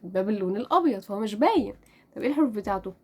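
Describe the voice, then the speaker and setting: A woman with an Egyptian Arabic accent teaching French pronunciation in a casual lesson, spelling out letters and repeating each word slowly. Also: medium pitch, lively intonation, husky. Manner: drills words slowly, repeating each one.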